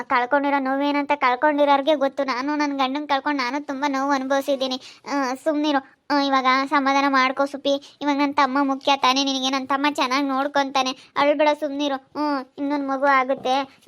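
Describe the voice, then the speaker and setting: A woman's voice: high voice, fairly bright tone. A woman voicing a mother in an amateur family drama skit, patiently explaining and consoling her grieving daughter.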